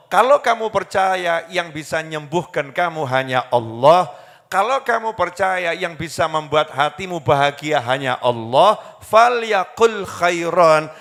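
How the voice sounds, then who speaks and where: A man's voice: on the high side, a bit bright. A man preaching an Islamic sermon to a live audience, questioning the listeners, repeating key words and chanting Arabic quotations. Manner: mixes in Javanese phrases and Arabic quotations. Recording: long hall reverb.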